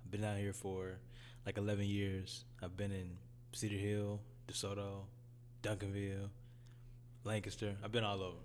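A young man from Detroit with a raspy voice, talking about his music in a laid-back, casual interview. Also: lowish voice, monotone, normal speed, a little mellow, slight background noise. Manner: laid-back, loose phrasing with fillers. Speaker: guest rapper.

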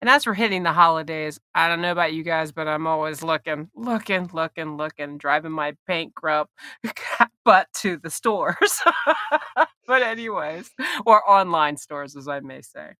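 A woman's voice: low-pitched, normal speed, bright, forceful tone, no echo, clean studio sound. A woman hosting a podcast in a casual, chatty interview style, with informal asides. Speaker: podcast host. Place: small indoor space. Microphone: headset, small room.

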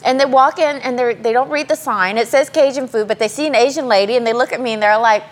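A woman's voice: on the high side, fast talker. A woman chef from South Mississippi, talking blunt and straightforward in a casual panel chat, often laughing. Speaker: Cajun restaurant chef.

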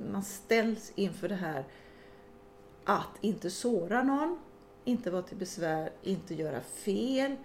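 Middle-aged woman, podcast co-host, lively storyteller who laughs and swears easily. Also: medium pitch, slight background noise. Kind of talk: casual chat and storytelling.

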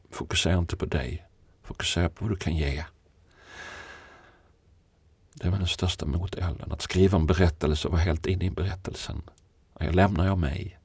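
A man's voice: low voice, gravelly, darkish tone, breathy edge, no room sound. A poet being interviewed, a man talking in a thoughtful, musing way and laughing often. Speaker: poet, podcast guest. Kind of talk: reflective conversation.

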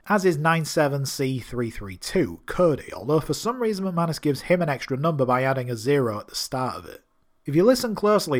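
A man narrating a scripted recap of a TV drama episode, enthusiastic with wry asides. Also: medium pitch. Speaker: TV series recap host.

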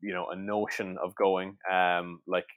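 A man's voice: sits low, little pitch movement, measured pace, a bit bright, smooth, no room sound. A man with a west of Ireland accent chatting casually about sport in a loose, rambling way full of filler phrases. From Sligo, west of Ireland. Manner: hesitant, rambling, many "like" and "you know". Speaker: podcast co-host.

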